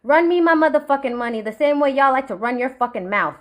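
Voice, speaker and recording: Young Marshallese woman, slightly high voice, profane, threatening vlog rant with quiet menacing dips. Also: quick pace. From Marshall Islands. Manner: drops to a low menacing murmur. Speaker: vlogger. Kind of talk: angry direct-to-camera rant.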